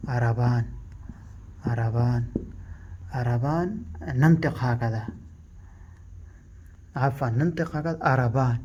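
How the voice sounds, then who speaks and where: A man who speaks Pashto natively, teaching a language lesson in Arabic, explaining slowly, haltingly and with a lot of repetition. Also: medium pitch, darkish tone, dull audio, a little hiss or hum.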